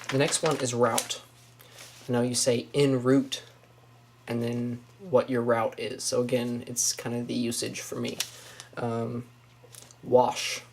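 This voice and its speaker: A woman with a Northwest Florida accent who talks casually in a vlog, hesitating often and filling pauses with "um" as she works through a word list. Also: rumbling low, darkish tone. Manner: hesitant, many fillers, reads a word list. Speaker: vlogger.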